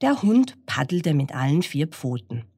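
Low, slow woman reading a children's story. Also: sing-song, dark tone, breathy edge, dry recording, clean studio sound. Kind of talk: reading a children's picture book aloud.

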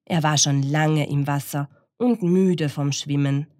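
A woman reading a children's picture book aloud in a slow, expressive storytelling manner. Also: low voice, no room sound, clean studio sound.

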